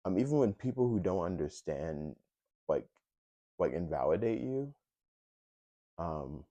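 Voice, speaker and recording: Hesitant deep-voiced young man, dry sound. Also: very animated, a little slow, dark tone, no room sound, dull audio. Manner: hesitant, many fillers and restarts. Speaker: vlogger. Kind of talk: casual personal vlog.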